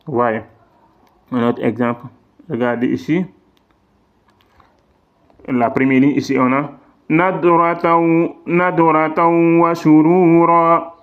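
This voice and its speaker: A man teaching a lesson on Quran recitation rules, patiently repeating examples and drawing out the Arabic words. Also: medium pitch. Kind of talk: classroom-style lesson explaining tajwid rules. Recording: slightly dull, lo-fi sound.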